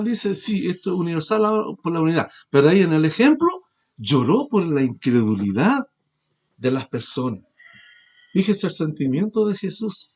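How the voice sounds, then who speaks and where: Male pastor with a high voice, preaching with rhetorical questions and shifting force. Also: darkish tone. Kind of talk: sermon.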